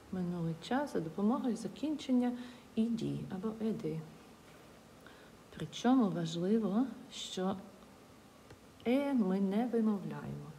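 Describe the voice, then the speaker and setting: A woman's voice: mid-range voice, creaky, mellow, slight background noise. A woman teacher explaining English grammar step by step, patiently repeating words and examples.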